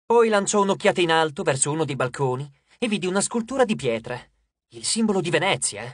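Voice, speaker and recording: A man narrating an audiobook with expressive storytelling, recorded on a studio microphone. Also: high-pitched, quick pace, no echo.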